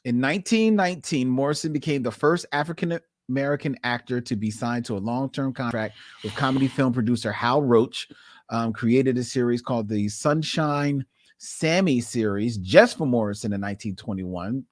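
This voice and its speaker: A man's voice: mid-range voice, moderate pace, dry recording, studio quality. A man co-hosting a podcast in casual chat, laughing often and reading listener posts aloud. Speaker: podcast co-host.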